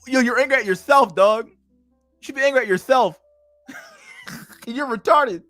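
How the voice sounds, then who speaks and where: High-voiced, mocking man in his thirties. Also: unhurried, fairly bright tone, no echo, soft background music. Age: 30s. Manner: mocking, crude, laughs often, reads an article aloud then rants. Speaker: streamer reacting to an article. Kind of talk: casual livestream commentary.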